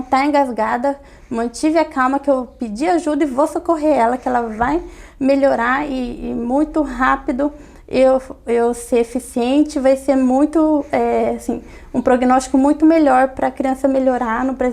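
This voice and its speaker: Woman doctor, high bright-ish voice, calm teaching tone, goes over steps again and again. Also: creaky. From Brazil. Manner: calm, instructive, repeats key points. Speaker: pediatrician. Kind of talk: interview explanation.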